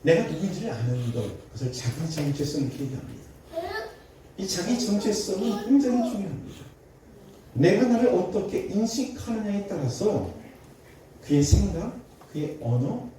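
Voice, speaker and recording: A middle-aged male pastor giving a sermon in a church, telling a story and acting out its voices, sometimes shouting angrily. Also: on the high side, slight background noise. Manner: acts out dialogue in a story, shouting angrily in a raised voice. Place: church sanctuary. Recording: echoey church sound from a distance.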